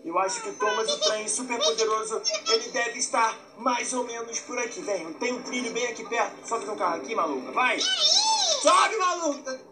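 A man with a Brazilian Portuguese accent giving excitable let's-play commentary, full of shouts and exclamations. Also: extremely high pitch, brisk, few pauses, rough recording. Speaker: gameplay commentator. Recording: loud game music behind. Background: loud game music.

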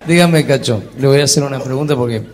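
A man playing the straight-man interviewer, feeding deadpan questions in a comic interview. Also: mid-range voice, fast talker, a faint crowd, slight background noise. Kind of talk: comic interview feed lines.

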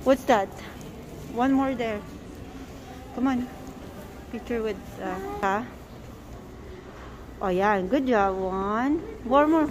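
A woman's voice: fairly high pitch, slow pace, long pauses. A Filipino woman in her thirties with a Filipino accent, filming a casual family vlog and coaxing her kids along in English and Tagalog. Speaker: family vlogger mother. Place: indoor shopping mall. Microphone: handheld phone camera. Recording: noisy mall recording.

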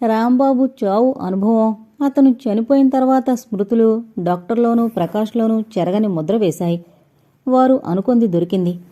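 A woman reading a suspense audio novel aloud in an even, literary storytelling manner. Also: medium pitch. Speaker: audiobook narrator. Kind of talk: scripted audio novel narration. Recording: dull lo-fi audio.

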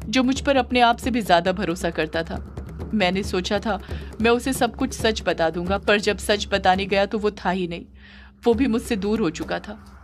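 A woman voicing a grieving, guilt-ridden young man, speaking in a quiet, sorrowful inner monologue for an audio horror story. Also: mid-range voice, moderate pace, soft background music, natural voice.

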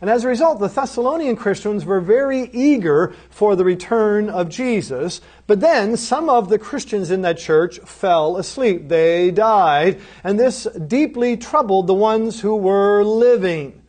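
A man's voice: high-pitched, a little slow, few pauses, darkish tone. A middle-aged man lecturing on a Bible passage, explaining emphatically and asking rhetorical questions. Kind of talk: recorded course lecture.

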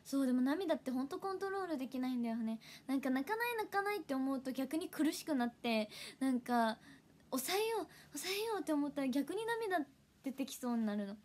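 A woman's voice: high voice, expressive, brisk. Giggly young woman chatting on a livestream. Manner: chatty, giggly, drops into soft whispers. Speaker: idol livestream host. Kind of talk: casual livestream chat.

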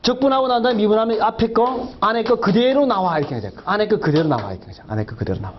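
A man's voice: high voice, expressive, very fast, highs cut off, slight background noise. A middle-aged man teaching a math lecture, chatty and jokey, quizzing his students with rhetorical questions as he works through problems.

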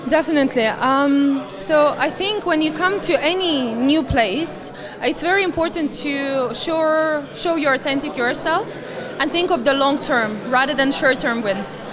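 Speaking in a high voice at a slightly slow pace, a fund managing partner from Latvia, in her thirties, answers interview questions earnestly with slightly non-native grammar. She holds a handheld mic in a conference hall in front of a banner wall while a busy crowd chatters behind her.

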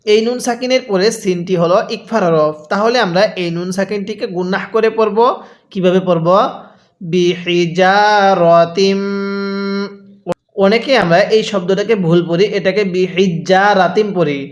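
A man teaching Quran reading, spelling out letters and drawing out words slowly for his students to repeat. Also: high-pitched. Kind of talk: Quran recitation lesson.

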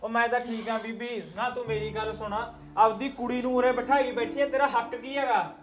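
A man's voice: extremely high pitch, fairly even intonation, a little fast. A man playing a fed-up son-in-law, complaining and scolding his wife's family. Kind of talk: village family drama acting.

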